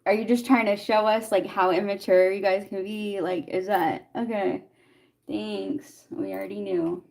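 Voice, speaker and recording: A young woman talks her way through a tarot reading in a loose, chatty flow. She laughs easily, jokes, and answers her viewers' comments as she goes. Her voice sits at a middle pitch. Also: fairly even intonation, normal speed, darkish tone. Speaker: tarot reader. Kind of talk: casual live tarot reading.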